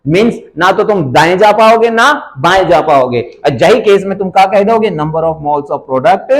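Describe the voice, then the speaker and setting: A man's voice: high voice, rough recording. A man teaching a chemistry class live, teasing his students and calling them by pet names while switching between languages. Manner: teasing, calls students beta, mixes English phrases.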